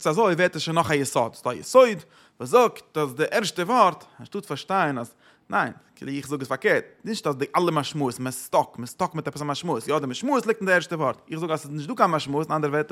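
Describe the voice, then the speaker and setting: A man gives a scripture lesson in a fairly high voice. He keeps putting questions to himself and answering them, with sudden emphatic bursts of loudness. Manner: asks and answers his own questions. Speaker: Torah teacher. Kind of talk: religious text lesson.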